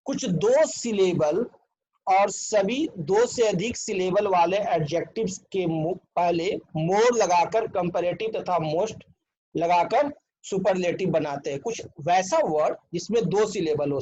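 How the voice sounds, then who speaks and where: A man with a fairly high voice teaches a grammar lesson at an unhurried pace, spelling out each word letter by letter. He keeps asking his students whether it is clear. The recording sounds dull and lo-fi. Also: darkish tone. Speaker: English teacher.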